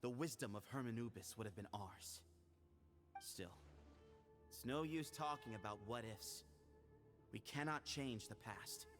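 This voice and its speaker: A man's voice: medium pitch, unhurried, pauses often, a bit bright, natural voice. A man voicing a frank, confident young heir in a video game, direct and self-assured. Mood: firm, matter-of-fact. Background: music.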